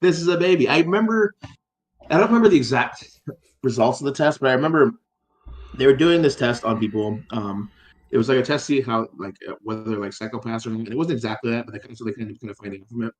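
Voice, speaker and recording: A man's voice: mid-range voice, fast talker, echoey room. A man co-hosting a casual chat, rambling with many fillers and restarts and casual swearing. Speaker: podcast co-host.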